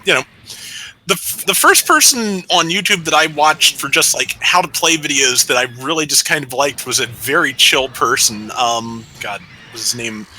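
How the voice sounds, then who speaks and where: A man from Canada chatting calmly on a game stream as a guest, in a measured, laid-back way like a golf announcer. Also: medium pitch, a little hiss or hum. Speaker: guest gaming YouTuber. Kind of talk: casual chat on a game stream.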